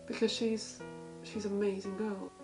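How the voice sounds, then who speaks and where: Gravelly woman speaking haltingly over guitar. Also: medium pitch, little pitch movement, rough recording. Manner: hesitant, halting speech with many restarts. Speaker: parent carer. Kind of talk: interview testimony. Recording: guitar music playing behind.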